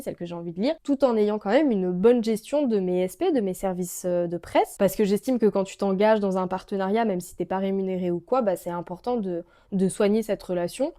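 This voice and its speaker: A woman's voice: mid-range voice, mellow. A young woman with a French accent, chatting casually to camera about books as a vlogger, gushing and full of fillers. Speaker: book vlogger.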